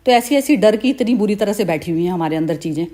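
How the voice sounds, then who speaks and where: A woman's voice: mid-range voice, fast talker. A woman hosting a spiritual group discussion who laughs often and speaks candidly. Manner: laughs often while talking, relaxed and candid. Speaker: session host.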